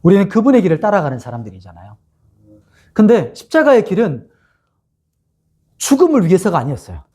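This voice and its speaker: Animated male pastor preaching. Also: sits high, a little fast, breathy edge. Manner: storytelling with frequent rhetorical questions to listeners. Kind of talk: expository sermon to young adults.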